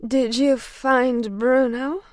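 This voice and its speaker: A woman's voice: sits high, animated, slow pace, gravelly, darkish tone, dry recording, studio quality, pitched above the performer's own voice, exaggerated voice. A woman voicing a frail, sedated young asylum patient in whispered role-play, her words faint, slurred and tearful. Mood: whispering.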